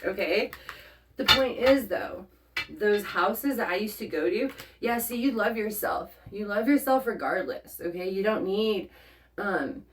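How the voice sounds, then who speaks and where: A woman's voice: mid-range voice, expressive, a little slow, a bit bright, slight background noise. Blunt, swearing woman tarot reader. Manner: blunt and profane, checks in with "okay?" often. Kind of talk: casual spoken tarot reading to the viewer. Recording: voice a bit far from the mic.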